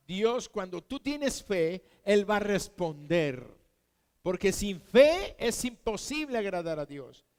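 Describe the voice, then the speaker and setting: A man with a Mexican accent preaching a sermon in an earnest, emphatic, repetitive way. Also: high-pitched. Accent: Mexican Spanish. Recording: long hall reverb.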